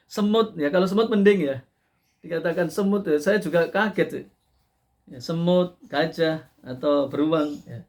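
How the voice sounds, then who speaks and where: Casting male preacher, slightly high voice, conversational sermon, animated, laughs often. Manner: chatty, animated, frequent "ya" tags, laughs at his own stories. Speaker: Islamic preacher. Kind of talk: casual sermon to a live audience.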